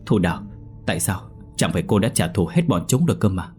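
Male narrator doing a deep-voiced young village schemer for an audio horror tale, cowardly and manipulative, with faint music behind. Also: lively intonation, quick pace, a little mellow. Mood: frightened.

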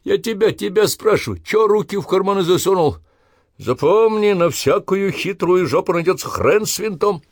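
A man's voice: high-pitched, lively intonation, moderate pace, no echo, studio quality, pitched above the performer's own voice. A man voicing coarse, jeering army sergeants with a Ukrainian-tinged Russian accent, taunting recruits sarcastically.

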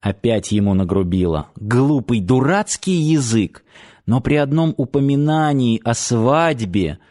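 A man reading an audiobook in a measured storytelling narration. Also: medium pitch, expressive, dark tone. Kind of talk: scripted narration.

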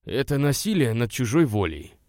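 A man's voice: medium pitch, sing-song, normal speed, a little mellow, no echo, natural voice. A man reading aloud voices an irritable, stubborn young man who answers curtly. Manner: dry, curt, grumbling.

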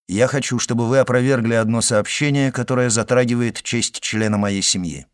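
A man's voice: mid-range voice, fairly even intonation, brisk, clear, resonant tone, natural voice. A man playing an indignant young nobleman. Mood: insistent. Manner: firm, clipped, demanding.

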